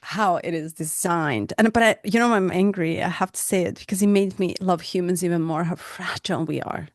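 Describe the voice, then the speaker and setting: A woman co-hosting a reflective spiritual podcast, speaking English as a second language, passionate and animated, laughing often. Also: fairly low pitch, brisk, no room sound, studio quality. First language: not English. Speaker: podcast co-host. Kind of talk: casual reflective conversation.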